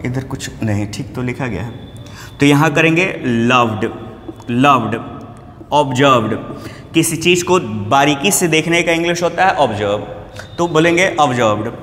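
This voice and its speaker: Teaching English pronunciation in Hindi, a man patiently says every example word several times over. His mid-range voice is expressive, a bit bright and moderately paced, and the echoey room adds long reverb and faint background noise.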